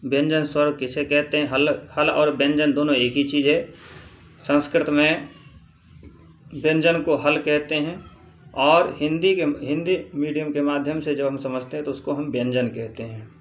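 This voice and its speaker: A man teaching grammar, reading from a textbook and explaining slowly, repeating points and answering his own questions. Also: a little high, steady tone, lo-fi sound. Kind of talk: spoken lesson reading from a textbook.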